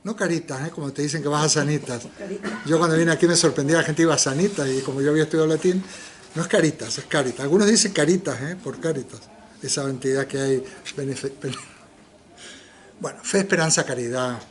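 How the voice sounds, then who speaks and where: An older man with a voice on the high side gives an informal philosophy seminar lecture at a quick pace in a community center lecture room. He asks the audience rhetorical questions and drops frequent tag questions.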